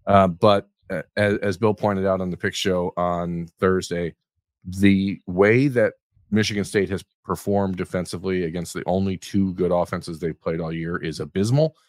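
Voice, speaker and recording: A man's voice: sits low, steady tone, moderate pace, no echo. A man co-hosting a sports podcast, dry and sarcastic, talking in loose rambling runs. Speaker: podcast co-host. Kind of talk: casual sports podcast banter.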